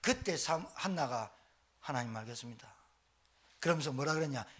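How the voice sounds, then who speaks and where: Fast-talking, animated preacher man. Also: medium pitch. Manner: fast-talking, admits speaking too quickly. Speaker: pastor. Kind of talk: sermon. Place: church.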